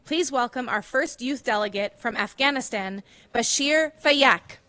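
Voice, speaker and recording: A woman moderating an event, giving a brisk, announcing, formal introduction. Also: a little high, bright, forceful tone, dry recording.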